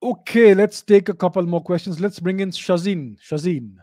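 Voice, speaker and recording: A middle-aged man hosting a live video Q&A, talking into a close studio microphone in a home study. He explains in a measured way and repeats his key points. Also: high voice, a little mellow, no echo. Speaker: host answering live video call questions. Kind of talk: live video chat Q&A on geopolitics. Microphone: studio mic on a boom arm, close.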